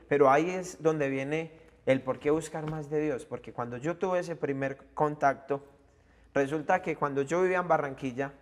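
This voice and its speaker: A young man with a Colombian accent giving an earnest personal testimony in an interview, acting out the voices of the people in it. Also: medium pitch. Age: young adult. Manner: earnest storyteller, acts out the voices of people in his story.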